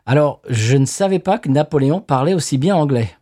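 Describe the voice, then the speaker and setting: A man co-hosting a casual podcast, talking in a rambling, hesitant way. His voice sits a bit high for a man but has a dark, mellow tone. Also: animated, fairly quick. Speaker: podcast co-host. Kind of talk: casual chat.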